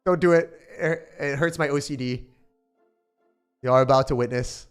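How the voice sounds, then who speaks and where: Faint music sits behind this young game streamer, whose clear, resonant mid-range voice moves at normal speed. He jokes casually with viewers, reads their messages out and drops slang like "bro" and "man."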